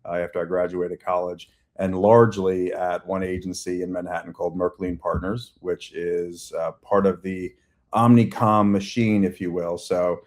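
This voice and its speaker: An agency CEO in his forties, a guest with a Long Island accent, answers interview questions at length in a chatty, talkative way. His deep voice is flat and moves at normal speed, full of fillers and restarts.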